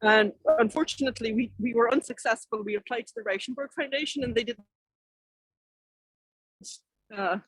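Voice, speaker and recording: A woman's voice: mid-range voice, slightly rough, no room sound, rough recording. A woman with an Irish accent giving an informal, conversational keynote talk, often hesitating and rephrasing herself as she goes. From Ireland. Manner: hesitant, self-correcting, rambling delivery. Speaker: keynote speaker, artist and activist.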